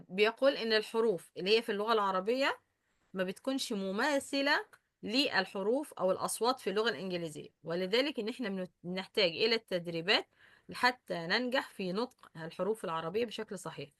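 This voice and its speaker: A woman's voice: medium pitch, quick pace, fairly bright tone, no room sound, studio quality. A woman with an Egyptian Arabic accent teaching pronunciation, switching between English and Arabic and repeating sounds to demonstrate them. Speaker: tajweed teacher. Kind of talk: bilingual lesson, translating and explaining.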